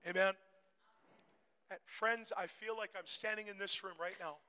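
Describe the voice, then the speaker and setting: Man preaching, high bright voice, short phrases for an interpreter, shouting at the peaks, long church reverb. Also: steady tone, unhurried. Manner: builds to shouting crescendos. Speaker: guest preacher. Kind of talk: sermon with live interpreter. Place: church hall. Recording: echoey church hall reverb.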